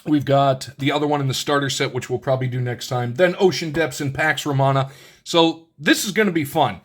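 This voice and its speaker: Here a card game gets a casual unboxing from a channel host whose medium-pitched voice is steady and fairly quick. He's got the hiccups, and he muses aloud over the rules and the pieces with plenty of restarts and side comments.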